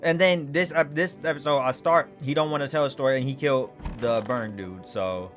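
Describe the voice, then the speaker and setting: A man hosting a gaming video, thinking out loud in casual, slangy let's play commentary. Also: medium pitch, brisk, soft background music.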